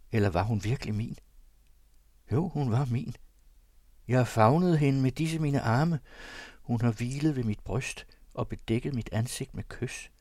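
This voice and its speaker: A man giving a dramatic first-person reading of an old diary, shifting between hushed confession and agitated outbursts. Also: medium pitch, dry recording. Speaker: reader.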